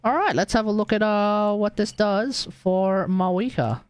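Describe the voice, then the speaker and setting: A medium-pitched, unhurried Australian gaming streamer mutters through casual commentary with some mild swearing, while video game music plays behind them. A slight hiss or hum is audible in the recording.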